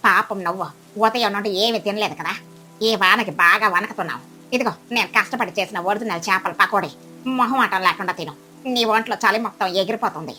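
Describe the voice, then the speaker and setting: A woman voicing a wise female crow in a cartoon, speaking low, steady and gentle. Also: brisk, soft background music, lightly acted. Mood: kindly. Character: calm wise older female crow cook.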